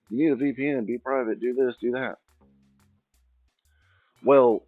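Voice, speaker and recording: A man's voice: lowish voice, dry recording, phone-quality sound. Man, solo channel host, meandering informal ramble, dry close sound, faint music behind. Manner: meandering, restarts mid-thought.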